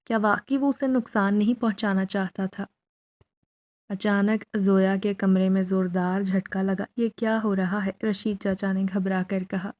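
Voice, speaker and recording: A woman narrating a scripted horror story in an even, measured reading. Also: medium pitch.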